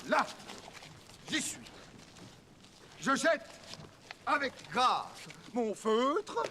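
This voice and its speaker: A man's voice: extremely high pitch, sing-song, extremely slow, bright, forceful tone, a little hiss or hum, heavily acted. A male actor playing a proud, witty, swaggering swordsman-poet in a verse drama, declaiming flamboyantly and savoring each word. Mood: triumphant, taunting. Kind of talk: theatrical French verse drama acting. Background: music.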